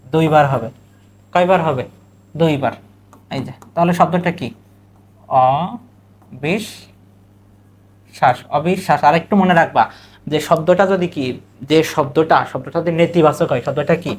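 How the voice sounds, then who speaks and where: In a recorded exam-prep lesson, a man with a Bangladeshi Bengali accent and a slightly high voice drills pronunciation. He poses a question, repeats the answer, and slowly stretches model words out syllable by syllable.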